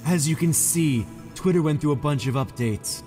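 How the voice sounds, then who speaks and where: Man as smug, higher-voiced Shadow the Hedgehog. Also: expressive, moderate pace, mellow, soft background music, close to an everyday voice. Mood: mocking. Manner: cocky, flippant, mocking. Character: smug, taunting young male anime-style hedgehog antihero. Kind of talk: improvised comic video game fan dub.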